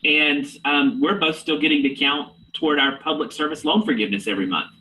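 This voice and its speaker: A man giving an informal presentation, halting and repeating words as he states firm opinions. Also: fairly high pitch, sharp tone. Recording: distant microphone.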